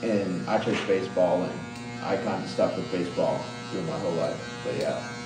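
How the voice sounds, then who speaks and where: A man's voice: deep voice, normal speed, far from the mic, over music. Hesitant young man, echoey from afar. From Guatemala. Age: young adult. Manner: hesitant, lots of fillers and restarts. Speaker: barbershop customer. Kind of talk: casual chat. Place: barbershop.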